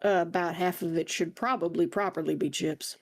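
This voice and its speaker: A woman's voice: lowish voice, moderate pace. A woman playing a wry, genteel traveller with folksy, colloquial talk in a tabletop game.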